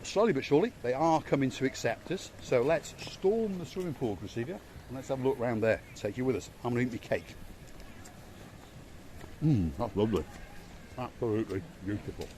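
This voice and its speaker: A man's voice: mid-range voice, animated, brisk, a little mellow, slight background noise. Older male vlogger, walk-and-talk hotel tour, gushing, repeats his praise, recorded on a handheld camera. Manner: enthusiastic, repeats praise words. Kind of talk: casual walk-around commentary. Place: outdoors and indoors in a hotel, walking.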